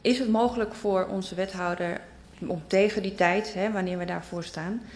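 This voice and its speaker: A woman's voice: medium pitch, fairly even intonation, normal speed, a little mellow. A woman council member putting a careful formal question to the alderman. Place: council chamber.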